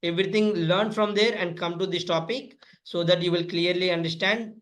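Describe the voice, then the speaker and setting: A man with an Indian accent instructs a coding tutorial step by step, his high-sitting voice steady and fairly bright at a moderate pace. He teaches through repetition and calls his listeners friends.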